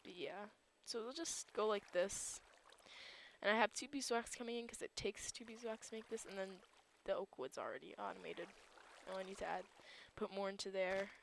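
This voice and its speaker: A woman's voice: medium pitch, steady tone, normal speed, gravelly, slight background noise. A woman giving casual gameplay commentary, groggy in her morning voice, rambling and thinking aloud with lots of fillers. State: groggy just-woke-up morning voice. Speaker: server owner and gameplay commentator.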